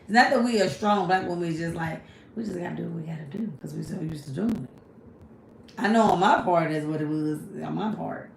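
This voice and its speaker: A woman talks casually on her livestream, answering viewers. Her fairly low voice has a gravelly edge. The sound is roomy and echoey, with a faint hiss behind her. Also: brisk. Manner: talks straight to viewers, reads comments and answers them; repeats "you know what I'm saying" often. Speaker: livestream host.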